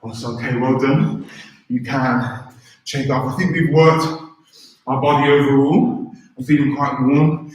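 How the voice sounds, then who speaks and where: A man's voice: mid-range voice, steady tone, unhurried, pauses often. A man leading a live beginner karate workout, giving informal, encouraging instructions and counting out exercise commands. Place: echoey indoor room, recorded from a distance. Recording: very echoey room, distant microphone.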